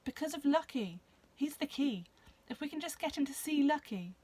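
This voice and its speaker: A bold young hoofed alien girl argues her case fast and fiercely, as a woman puts her on. The voice sits high above a storyteller's own and comes out loud and forceful, pressing every point. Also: animated. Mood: urgent. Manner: urgent, persuasive. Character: brave determined young female alien creature with hooves.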